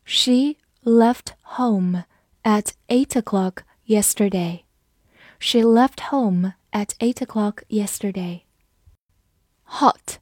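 Female vocabulary teacher, unhurried and precise, dry booth sound. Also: fairly high pitch, darkish tone, no room sound. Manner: slow, careful enunciation with spelled-out words and repeated drills. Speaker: English teacher. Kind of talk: vocabulary lesson in Chinese.

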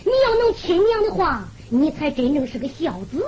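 A woman's voice: high-pitched, very animated, normal speed, warm tone, a little hiss or hum, pitched below the performer's own voice. A woman voicing a poor, blind, elderly mother who frets and weeps, speaking with a Henan accent in a sobbing, sing-song storytelling manner. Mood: stern.

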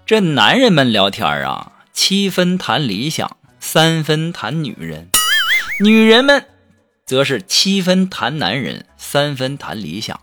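A playful man tells jokes in a teasing, chatty monologue. His voice sits a bit high and swings up and down a lot. Music plays clearly behind him. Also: huge pitch swings, slow. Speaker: comedic storyteller. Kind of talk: humorous monologue. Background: background music.

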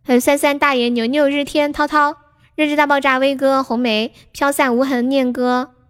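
A woman's voice: high-pitched, little pitch movement, normal speed. A young woman hosting a casual livestream, chatting with viewers, laughing often and reading out their names. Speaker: livestream host.

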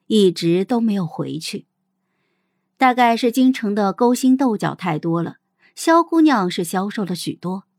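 A young adult woman hosting and narrating a first-person story in a measured, expressive manner. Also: mid-range voice, dry recording, studio quality. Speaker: audiobook host and narrator.

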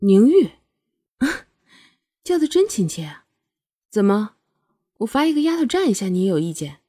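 A woman doing a sly, sharp-tongued noblewoman. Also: mid-range voice, very animated, normal speed, slightly rough. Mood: needling. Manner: teasing, coy and needling. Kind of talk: audiobook character voicing.

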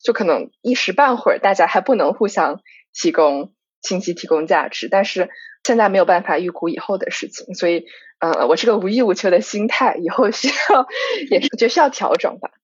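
A woman co-host in a casual podcast conversation who reflects and thinks aloud as she goes. Her voice is a little husky. The recording is dry and slightly muffled. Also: mid-range voice, lively intonation, fairly quick, dry recording. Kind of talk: casual chat. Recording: dry, dull lo-fi sound.

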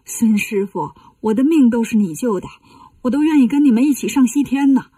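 A woman's voice: fairly high pitch, expressive, mellow, slightly rough, no echo, recorded from a distance. A woman doing a weak, tearful revived king. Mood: grateful. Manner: slow, tearful.

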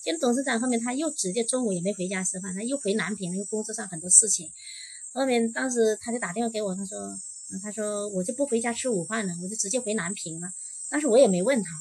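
A woman's voice: mid-range voice, husky, rough recording. A middle-aged woman from Jiangxi, an interview guest telling a personal story and acting out the conversations she recounts. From Jiangxi, China. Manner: lively retelling, acting out quoted dialogue.

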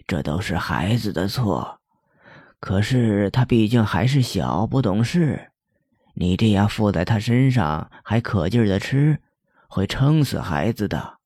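A man voicing an elderly village spirit-medium woman who speaks softly and persuasively. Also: fairly low pitch, animated, slow pace, slightly rough, no room sound, studio quality, full character voice. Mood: coaxing. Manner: soft, soothing, persuasive.

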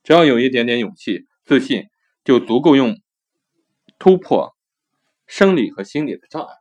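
A man's voice: medium pitch, big pitch swings, moderate pace, darkish tone. A man hosting a talk show, telling a short story and then reflecting on it in an earnest, thoughtful way. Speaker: host. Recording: dull lo-fi recording.

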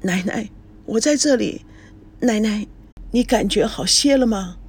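A proud young wife with a curt, cold way of speaking, as a storyteller voices her. Her tone is slightly husky and clipped. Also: mid-range voice, measured pace. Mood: tearful.

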